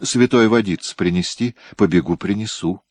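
Narrator doing a shy young prince in a storybook, low voice but meek and pleading, dry close sound. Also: male voice, normal speed, no echo, lightly acted. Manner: soft, pleading, deferential. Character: timid, meek young male prince, eager to please.

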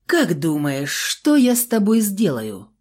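A woman voicing a tough young man who threatens slowly and coldly in blunt, coarse speech. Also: medium pitch, wildly swooping pitch, darkish tone, breathy edge, heavily acted. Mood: menacing. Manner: slow, cold, threatening.

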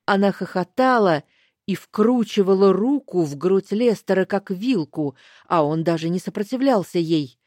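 A woman giving first-person audiobook narration in a slow, deliberate way. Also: mid-range voice, lively intonation, a little mellow, dry recording, studio quality.

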